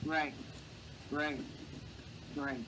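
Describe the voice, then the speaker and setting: Drawing out his words in a level tone, a man with a high, light, boyish voice sounds bright and forceful. He earnestly gives encouraging advice as a casual interview guest, on a rough recording with clear background noise.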